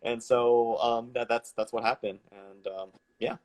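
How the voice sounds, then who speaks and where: A man's voice: medium pitch, fairly even intonation, a little slow, a little mellow. A man in his thirties from the San Francisco Bay Area answering interview questions over a video call, rambling casually with many fillers and restarts. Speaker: guest, company founder.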